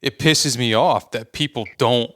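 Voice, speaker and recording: A man hosting a casual podcast conversation, blunt and profane, quick to agree. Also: medium pitch, noisy background. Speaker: podcast host.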